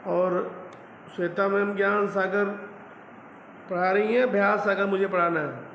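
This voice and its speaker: Guy teacher walking students thru grammar, high flat voice, kinda echoey room w faint hiss. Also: measured pace, highs cut off. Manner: patient, explaining step by step, often checks with "okay". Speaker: school Hindi teacher. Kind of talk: classroom lesson video.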